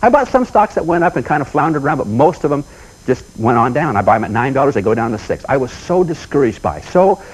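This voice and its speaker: A man's voice: medium pitch, big pitch swings, fast, breathy edge, rough recording. A man telling folksy stories as a motivational seminar speaker, with punchy repetition.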